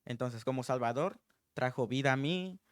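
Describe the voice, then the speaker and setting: A man's voice: medium pitch, moderate pace, clear, resonant tone, dry recording, clean studio sound. Male preacher, informal sermon, earnest and reflective, resonant voice. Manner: earnest, thinking aloud.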